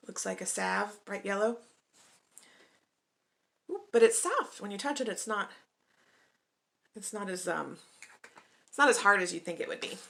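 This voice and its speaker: Upbeat young female vlogger, bright voice, relaxed unboxing chat. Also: mid-range voice, gravelly. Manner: chatty, upbeat, often says she is excited.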